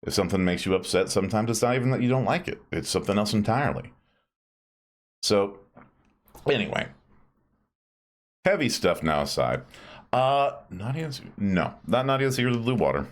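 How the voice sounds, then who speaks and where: Deep-voiced, animated male streamer chatting casually. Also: fairly quick, pauses often. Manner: rambling, self-described grumpy old man. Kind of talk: casual live-stream chat.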